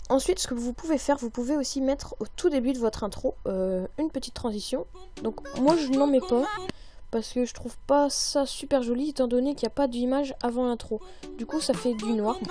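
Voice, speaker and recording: A woman recording a casual software tutorial, chatty and upbeat, with many fillers. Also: a little high, brisk. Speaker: tutorial maker.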